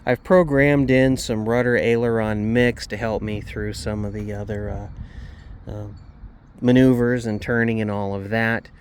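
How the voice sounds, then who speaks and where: A man with a sore, slightly swollen jaw, talking a little oddly and haltingly as he hosts a casual hands-on hobby review. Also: fairly low pitch, little pitch movement, slight background noise. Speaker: RC hobby channel host reviewing a model plane.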